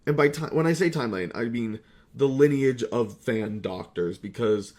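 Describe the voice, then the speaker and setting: At a moderate pace and with a somewhat dark tone, this medium-voiced young man chats loosely with his audience. The fan-film maker and YouTuber swears freely, mocks himself, gets sarcastic and stretches words out to make a point.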